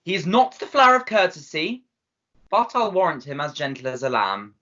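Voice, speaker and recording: A bawdy old nurse groaning about her aching bones, played by a young woman. The voice sits fairly low, and the recording is slightly muffled. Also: very animated, bright, forceful tone, exaggerated voice. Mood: teasing. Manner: groaning, drawn-out complaining. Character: old female nurse, weary, bawdy, teasing. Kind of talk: Shakespearean stage acting.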